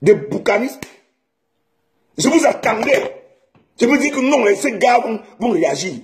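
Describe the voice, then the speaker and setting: A man's voice: extremely high pitch, sing-song, a little slow, a little hiss or hum. A man from Cameroon ranting angrily at home, scolding and repeating himself. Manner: heated, scolding, repetitive. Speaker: vlogger. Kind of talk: angry direct-to-camera rant.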